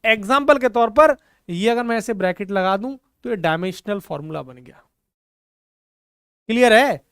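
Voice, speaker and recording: A man's voice: high-pitched, animated, normal speed, a bit bright, smooth, no echo, studio quality. A male physics teacher giving a board lecture, mixing English terms into Hindi and often asking the class if they follow. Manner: repeats questions to the class and answers them himself; mixes English terms with Hindi, frequently checks understanding.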